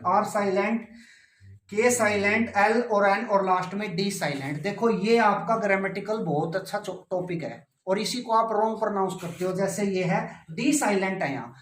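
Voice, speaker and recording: A man's voice: high-pitched, a little hiss or hum. A male English teacher giving a classroom pronunciation lesson, patiently repeating words and spelling them out letter by letter. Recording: roomy, distant mic.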